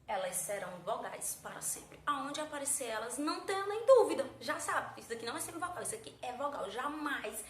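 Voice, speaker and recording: A woman gives a lesson in a high voice, animated and chatty. She stops often to check that her students are following. Her voice echoes around the room, and there is faint noise in the background. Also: fairly quick, hardly any pauses. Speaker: teacher. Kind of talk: explaining grammar to students.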